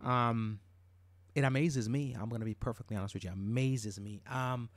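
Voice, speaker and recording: A man's voice: mid-range voice, steady tone, moderate pace, no echo. A middle-aged man from Jamaica hosting a podcast, talking in an emphatic, casual monologue and repeating words when worked up. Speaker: podcast host.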